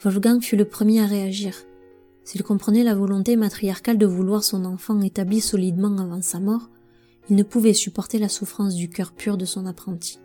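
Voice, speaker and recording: Mellow-voiced woman reading a story. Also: medium pitch, fairly even intonation, fairly quick, soft background music. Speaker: audiobook narrator. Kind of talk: scripted narration.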